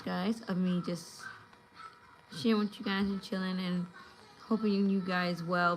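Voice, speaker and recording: On her casual home livestream, a thirtysomething New Yorker chats, doles out advice to viewers and acts out voices when telling anecdotes. Her voice is medium-pitched with a fairly bright tone, and the recording is rough.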